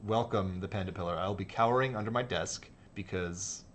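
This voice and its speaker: Sketching during his livestream, a male designer chats in a low voice at a brisk pace, rambling, hesitant and given to sudden laughs. He broadcasts from an office studio, and a little hiss or hum can be heard.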